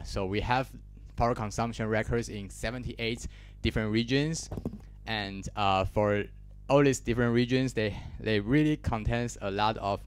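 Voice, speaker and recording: A Taiwanese man in his twenties, speaking with a Taiwanese accent into a handheld mic in a lecture hall, gives a technical conference talk. He is hesitant, full of fillers and restarts, and his lowish voice sounds clear and resonant.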